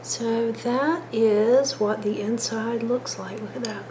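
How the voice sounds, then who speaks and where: A woman talks slowly and warmly to her viewers as she cooks, in a chatty, homey vlog manner. Her voice sits a little high. The kitchen sounds echoey, with a faint hum of room noise behind her. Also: steady tone. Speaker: cooking vlogger. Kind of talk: casual cooking vlog. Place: home kitchen.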